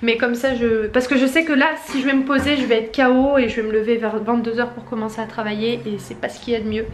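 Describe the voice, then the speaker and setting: A woman's voice: a little high, level tone, quick pace, slight background noise. A young adult woman, a student vlogger, chatting casually at home, hesitant and full of fillers. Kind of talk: casual chat to camera.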